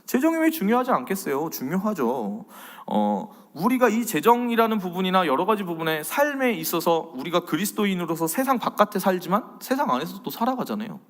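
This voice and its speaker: A man in his thirties preaching a faith lecture as a pastor, animated, swinging between loud and soft. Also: sits high, a little fast, hardly any pauses, long reverb tail. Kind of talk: sermon-style faith lecture.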